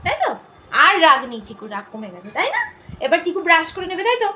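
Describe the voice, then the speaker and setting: A woman's voice: extremely high pitch, very animated, fast, sharp tone. A young woman chatting casually to her viewers as friends in a home vlog, filmed on a phone at home. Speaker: home vlogger. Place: family home. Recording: noisy home recording.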